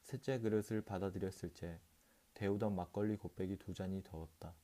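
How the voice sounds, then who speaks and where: Low, mellow male audiobook narrator. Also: a little fast. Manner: calm, steady reading with occasional restarts. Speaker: audiobook reader.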